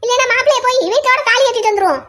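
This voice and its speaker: A woman voicing a shrill, teasing mother. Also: racing, sharp tone. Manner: joking, mocking.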